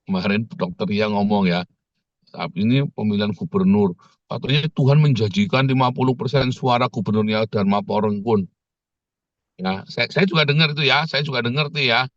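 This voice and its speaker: A pastor preaching a sermon, telling humorous stories and jumping high in pitch when he quotes others. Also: normal speed, no echo, highs cut off.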